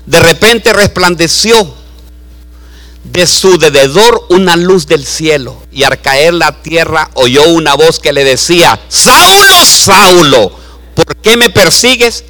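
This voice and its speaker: A man preaching a sermon to a church, swinging from low asides to loud preaching. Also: a little slow. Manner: acts out voices in his story.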